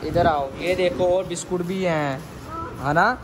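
This young man's fairly high voice runs a little slow as he films a casual vlog on his phone. He narrates a bakery outing, coaxing the kids with brief prompts he keeps repeating. Street sounds and then shop sounds are clearly audible, first outside and then inside the small bakery.

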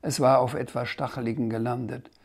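A man with a German accent reading his own children's book aloud, in a lively, expressive way with occasional asides. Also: medium pitch, fairly quick, husky. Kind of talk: storybook read-aloud.

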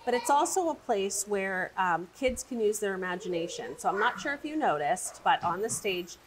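In an upbeat, casual interview full of fillers, a woman who directs a children's museum walks through its play areas. Her mid-range voice has lively intonation and a moderate pace, and background noise can be heard in the recording.

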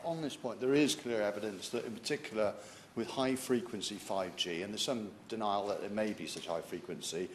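Deep-voiced man rambling through an intervention. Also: a little fast, crowd noise. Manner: rambling, searches for words. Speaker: member of parliament. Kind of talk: parliamentary intervention. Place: large debating chamber.

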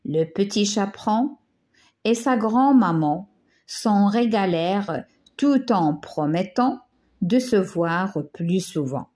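A woman teacher reading a children's tale aloud, slow and careful, with small slips and restarts. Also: medium pitch, lively intonation, a little mellow.

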